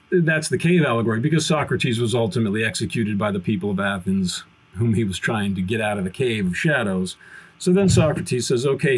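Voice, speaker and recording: A man in his fifties, a philosophy professor on a video call from a room at home, retelling a classic story with lively hand gestures. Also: medium pitch, breathy edge, rough recording. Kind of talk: explaining on a podcast. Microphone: webcam video call.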